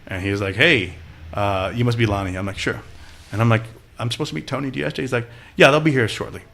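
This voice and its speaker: A man from Austin, Texas, appears as a podcast guest in a casual interview, telling stories and acting out the people he quotes. His medium-pitched voice moves a little fast with some vocal fry, and he's an animated storyteller.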